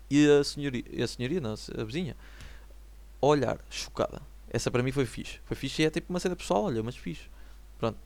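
A man's voice: a little high, a little mellow. Rambling young man with a European Portuguese accent. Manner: rambling, slang-heavy, keeps checking if listeners follow. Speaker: vlogger. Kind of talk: casual solo chat to viewers. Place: at home.

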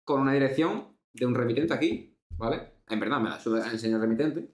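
A man's voice: medium pitch, quick pace, roomy sound. A man from Spain co-hosting a casual talk show, telling a story and reading out a letter. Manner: steady storyteller, leads the segment. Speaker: podcast co-host.

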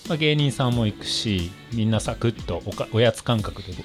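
A man in casual conversation, describing things colloquially and often agreeing in quick repeats. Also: lowish voice, lively intonation. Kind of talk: casual chat. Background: music.

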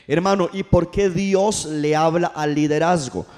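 Man preaching in church, pastor, fairly high voice, calls for call-and-response. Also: steady tone, measured pace, a little mellow. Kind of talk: sermon.

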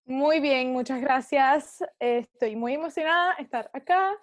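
Young woman, high voice, Spanglish, English-dominant, hesitant, casual podcast guest, close dry sound. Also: measured pace, dry recording. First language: more at ease in English than in Spanish. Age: young adult. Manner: Spanglish, mixing English words into Spanish; hesitant, searching for words. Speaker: podcast guest, student of Chinese medicine. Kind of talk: casual interview.

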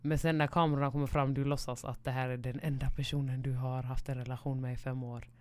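A co-host chats casually, making witty remarks and slipping into English slang and curses. The voice is clear and resonant. The recording is dry and close. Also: mid-range voice, level tone, a little mellow, dry recording. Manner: quick witty asides, switches into English slang and swearing. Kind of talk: casual chat.

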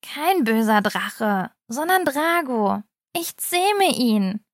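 A woman's voice: fairly high pitch, very animated, extremely slow, dry recording, clean studio sound, exaggerated voice. Woman reading as a proud little boy knight. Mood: sulky. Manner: eager and proud. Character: brave young boy dreaming he is a knight.

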